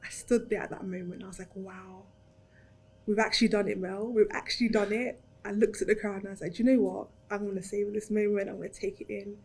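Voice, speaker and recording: A woman's voice: mid-range voice, level tone, quick pace, hardly any pauses, breathy edge. A woman in her thirties with a London accent, chatting in an interview and acting out her own past words as she tells the story. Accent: London English. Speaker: interviewee, graduate. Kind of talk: casual interview chat.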